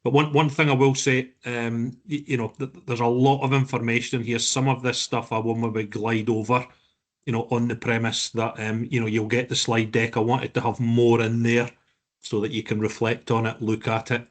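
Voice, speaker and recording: A man presenting on an online call in a broad Scottish accent. His pitch stays fairly even and sits in an ordinary male range. He talks informally, often doubling back on words. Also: moderate pace. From Scotland. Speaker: guest presenter.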